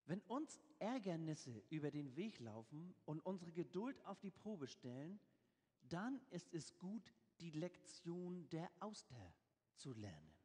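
A man's voice: a little high, big pitch swings, a little slow, darkish tone, slightly rough. A man preaching a sermon, reading scripture aloud with emphasis and explaining it in plain everyday words. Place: church. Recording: church with long reverb.

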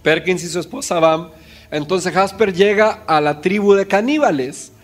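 A man's voice: high voice, normal speed, faint music behind. A man preaching a sermon, telling a story and putting questions to his listeners. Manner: storytelling, asks the congregation questions.

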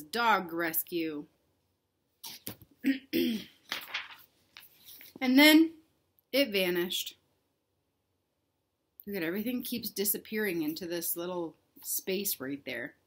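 Reading a picture book aloud at home in the living room, a young woman uses a medium-pitched voice with lively intonation, a little slow and with long pauses. She's a children's read-aloud host or teacher who reads with expression and asks the little ones easy questions.

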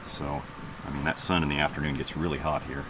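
Holding the camera at arm's length, a man in his thirties who vlogs about homesteading wanders his backyard garden, chatting loosely with plenty of fillers. He talks fast in a rumbling low voice, and outdoor background noise comes through.

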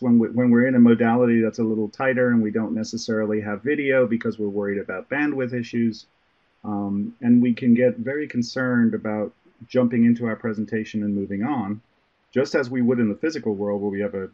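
A man from Ireland with a Southern American accent presents a webinar conversationally, often restarting his sentences. His voice is mid-range and warm, heard through muffled online call audio.

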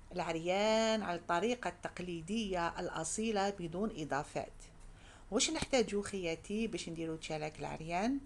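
This woman, a cooking channel host with an Algerian Arabic accent and a mid-range voice, warmly guides viewers through each step of a recipe and calls them sisters. There's slight background noise.

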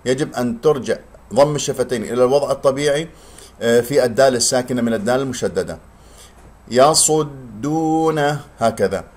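A man teaching tajweed. He explains pronunciation rules quickly, then recites words slowly and drawn out. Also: mid-range voice, darkish tone.

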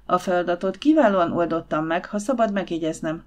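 A woman voicing a calm, guarded Victorian gentleman in an audiobook, speaking in an even, measured way. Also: lowish voice, close to an everyday voice.

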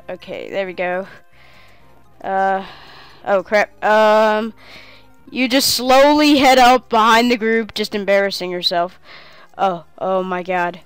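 A woman commentating her own game play, excitable and talking to herself, with cheering outbursts. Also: medium pitch, clear, resonant tone, no room sound. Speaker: gamer playing a game on video.

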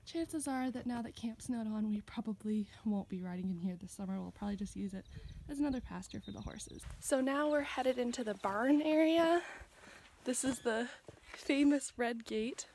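Walking through a farm and into a barn, a woman in her twenties gives a casual, upbeat tour, filmed on a phone at arm's length as she points things out. Her voice is a little high and slightly mellow, and she talks at normal speed. A little hiss or hum is present.

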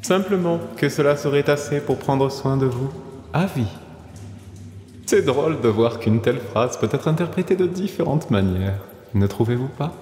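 A man voicing a sinister masked male wizard who speaks with mocking, menacing calm, heard with heavy echo and long reverb. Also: medium pitch, moderate pace, slight background noise, voice pushed up, lightly acted. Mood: mocking menace. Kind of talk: audiobook character voice.

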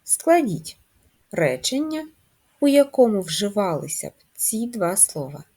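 Slow, lively-voiced schoolteacher woman. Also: medium pitch, slightly rough. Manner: slow, drawn-out, sing-song teacher talk. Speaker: primary school teacher. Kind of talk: first-grade literacy lesson.

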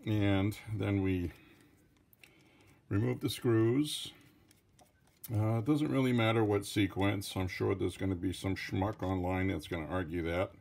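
A man's voice: fairly low pitch, steady tone, measured pace, gravelly, darkish tone. A Franco-American man with a French-Canadian accent, giving a casual hands-on tutorial with rambling, defensive asides. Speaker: hobbyist revolver tinkerer.

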